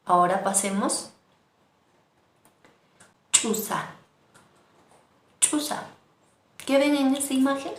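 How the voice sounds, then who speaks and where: A woman's voice: high-pitched, expressive, slow, long pauses. A woman teaching Aymara words online, patiently repeating each one so learners can say it after her. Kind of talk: online language lesson. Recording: echoey room with faint noise.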